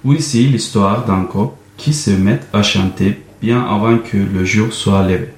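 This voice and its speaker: A man with a Turkish accent speaks slowly and hesitantly, pausing often to search for words. His voice sits fairly low. The recording sounds roomy, with a faint background hum. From Turkey. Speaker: guest volunteer presenting a book. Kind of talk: halting read-aloud and chat.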